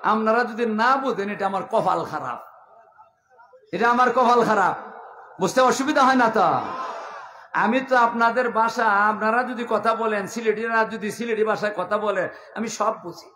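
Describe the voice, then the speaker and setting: An impassioned male preacher with a Habiganj Bengali accent whose very high, bright voice chants the story in repeated phrases. It rings through an echoey hall over the loudspeakers. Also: normal speed, a little hiss or hum. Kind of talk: sung storytelling sermon.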